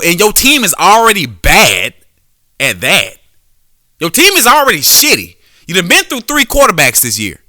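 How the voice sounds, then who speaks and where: A man's voice: high voice, sharp tone, no echo, clean studio sound. A man hosting a solo podcast, talking casually and profanely about sports, with frequent restarts and self-corrections. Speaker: podcast host; former quarterback.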